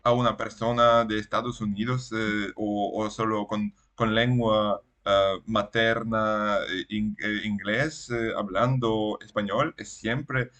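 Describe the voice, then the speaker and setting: A man's voice: fairly low pitch, fairly even intonation, measured pace, hardly any pauses, a bit bright. A man who is a native Spanish speaker, chatting casually and hesitantly, often repeating words. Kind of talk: casual bilingual conversation.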